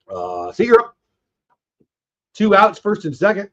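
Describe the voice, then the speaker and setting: A man hosting a live baseball watch party, excitedly calling plays and chatting with viewers, a bit hoarse as he is losing his voice. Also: high-pitched, lo-fi sound. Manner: excited, reacts to plays, talks to chat. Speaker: livestream watch party host.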